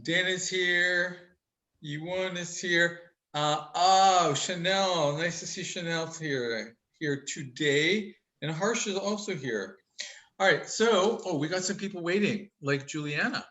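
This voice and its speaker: A man teaching a casual online college class over a video call, chatty and upbeat, quick-talking and fond of teasing his students with jokes. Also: high-pitched, bright, forceful tone, rough recording. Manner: talks quickly. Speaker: college instructor.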